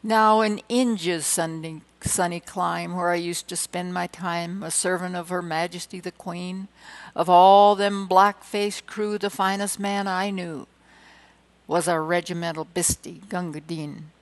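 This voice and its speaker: A woman reading poems aloud with dramatic emphasis, slowing and swelling on key lines, with hesitant asides between poems. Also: fairly low pitch, little pitch movement, poor audio. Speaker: poetry reader.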